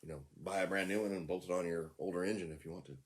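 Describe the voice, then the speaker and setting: A man co-hosting a casual chat, easygoing and quick to laugh. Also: deep voice, fairly even intonation. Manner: easygoing, brief backchannels, laughs at stories. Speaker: podcast co-host.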